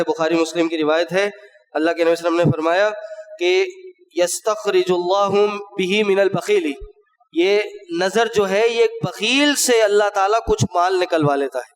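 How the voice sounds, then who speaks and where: A male preacher giving a Friday sermon, explaining rulings step by step and asking and answering his own questions. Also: high-pitched. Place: mosque. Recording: long hall reverb.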